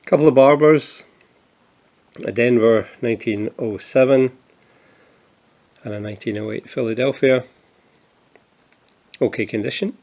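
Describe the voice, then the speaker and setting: With a mid-range voice, he keeps a measured pace, leaves long pauses, and sounds a little mellow. The speaker, a Scottish man in his fifties, shows his coins in an informal vlog, full of self-mocking humour, fillers and restarts.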